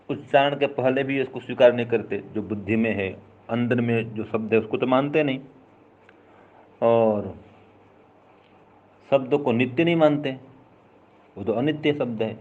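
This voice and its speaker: A man's voice: medium pitch, narrow, tinny audio. A man teaching a classical philosophy text, explaining each point patiently with everyday examples and going over it again.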